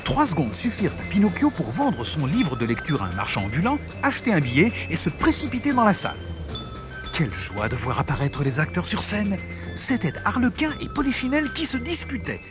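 Male storybook narrator: expressive and animated, over music. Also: fairly high pitch, fairly quick. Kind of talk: storybook read-aloud.

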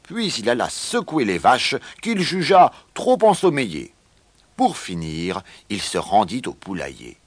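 A man reading a children's story aloud in an expressive way. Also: lowish voice, breathy edge, dry recording. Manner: slow, expressive read-aloud.

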